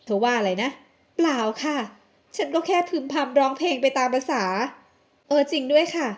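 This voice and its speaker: A woman's voice: high-pitched, steady tone, moderate pace. A woman narrating an audio drama and voicing its sassy young heroine.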